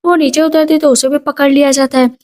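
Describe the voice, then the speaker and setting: A woman with a notably high voice retells a drama scene by scene. Her delivery is brisk and casual, and she drops in each character's lines without much change of voice. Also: fairly even intonation, a little mellow. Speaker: movie recap narrator. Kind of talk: casual drama recap narration.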